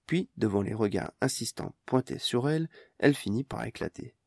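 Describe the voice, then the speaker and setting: A man reading an audiobook in scripted narration, with animated storytelling. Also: mid-range voice, normal speed, gravelly, no room sound, studio quality.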